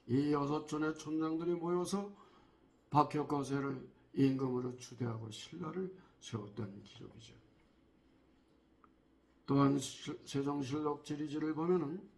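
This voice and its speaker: A man giving a spoken history lecture in a measured way, often pausing on drawn-out fillers and asking the listeners rhetorical questions. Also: fairly high pitch, darkish tone.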